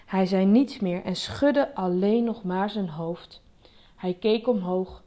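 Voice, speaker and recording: A woman reading a children's story aloud in a slow, measured narration. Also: mid-range voice, warm tone.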